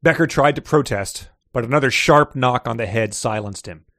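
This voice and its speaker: A man's voice: mid-range voice, normal speed, a bit bright, no room sound, clean studio sound. A man hosting a podcast who reads story excerpts aloud, chats casually and laughs often. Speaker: podcast host.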